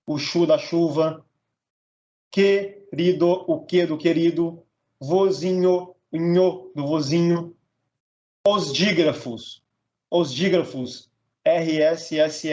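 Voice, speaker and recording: A man's voice: on the high side, darkish tone, dull audio. A Brazilian man teaching a grammar lesson, sounding out words syllable by syllable and checking in with "tá?" and "beleza?". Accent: Brazilian Portuguese.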